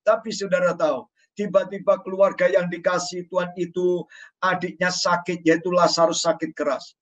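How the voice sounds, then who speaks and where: A man preaching a sermon as pastor in a church, animated and joking, acting out quoted voices. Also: high-pitched, moderate pace. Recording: dull sound from a distance.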